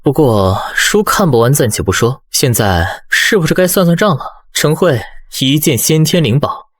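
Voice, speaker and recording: A man voicing a smug young bookshop owner in an animated comic, speaking in dry, teasing tones. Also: fairly high pitch, moderate pace.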